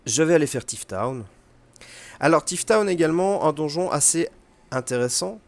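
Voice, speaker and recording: With a fairly high, gravelly voice, a male gaming host gives laid-back commentary on his run. He explains as he plays, dropping fillers and tossing off quick remarks at the game.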